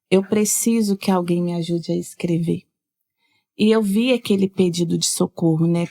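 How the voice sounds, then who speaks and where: A woman from Espírito Santo hosting a podcast, talking animatedly and tagging her sentences with "né?". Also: fairly low pitch. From Espírito Santo, Brazil. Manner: animated, with lots of "né?" tags. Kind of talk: casual conversation.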